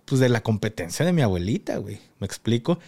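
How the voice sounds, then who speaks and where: Mexican male podcast host, animated delivery, slangy and laughing. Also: fairly low pitch, fast. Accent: Mexican Spanish. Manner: slangy, laughs while telling a grim story. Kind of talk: casual podcast chat.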